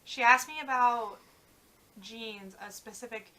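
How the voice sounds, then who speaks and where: A young woman co-hosting a casual vlog chat, talking fast and loose with lots of fillers. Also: on the high side, sharp tone, a little hiss or hum, rough recording. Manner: chatty, many "like" fillers, trails off. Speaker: vlog co-host.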